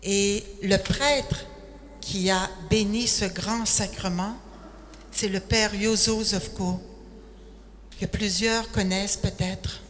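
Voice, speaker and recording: An older woman from Quebec City with a Québécois accent, giving a personal testimony and telling her story in an unhurried way. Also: mid-range voice, fairly even intonation. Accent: Québécois French. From Quebec City, Canada. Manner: slow, unhurried storytelling, sentences often starting with 'alors'. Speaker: speaker giving a faith testimony. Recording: echoey hall with faint noise.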